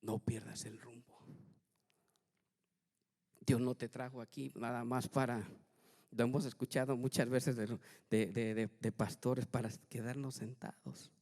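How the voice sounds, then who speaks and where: Latin american pastor preaching, goes from quiet to shouting, acts out what god says, big reverby church. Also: male voice, mid-range voice, little pitch movement, measured pace. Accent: Latin American Spanish. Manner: preaching with big swings from hushed to loud; acts out his own and God's words in quoted speech. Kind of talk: sermon.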